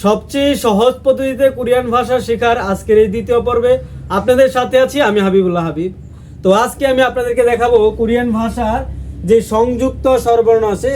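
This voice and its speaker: Patient man teaching letter sounds, mellow. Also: very high voice, a little hiss or hum. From Bangladesh. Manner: slow and patient, repeating each sound. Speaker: language teacher. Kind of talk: lesson explaining how to say letters.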